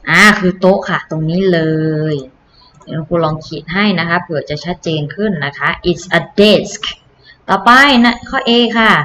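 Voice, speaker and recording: A woman teacher gives children an online English lesson, patiently explaining, repeating key phrases, and using polite particles. Her voice is fairly low, bright, and forceful, with a slight hiss or hum in the background.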